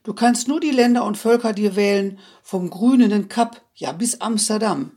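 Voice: medium pitch, moderate pace, a little mellow, natural voice. A reader voicing a silver-voiced dolphin. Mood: cheerful. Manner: rhyming, sing-song reply. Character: friendly talking dolphin with a silvery voice.

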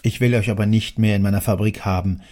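A man voicing a grumpy, tyrannical old male factory owner in an audiobook, scolding in a thundering, gravelly voice. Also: fairly low pitch, fairly even intonation, quick pace, darkish tone, lightly acted. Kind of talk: audiobook character voice.

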